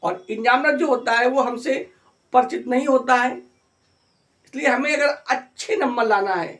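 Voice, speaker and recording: A middle-aged man teaching an English grammar lesson, encouraging students and drawing out example phrases slowly. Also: extremely high pitch, a bit bright.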